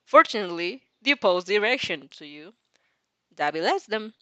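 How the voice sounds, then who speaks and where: Reading fan fiction with casual asides, a woman in a mid-range voice moves at normal speed with bouncy, lively intonation, mixing narration with her own reactions. She animatedly interrupts herself and restarts lines, and the close, dry, echo-free recording has its highs cut off.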